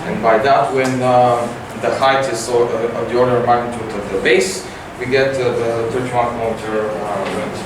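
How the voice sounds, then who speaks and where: A teenage boy giving a science competition report with many fillers and halting phrasing. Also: medium pitch, fairly even intonation. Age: teens. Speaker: student presenter. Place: large classroom with projector. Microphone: far camera. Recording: echoey room from far off, noisy.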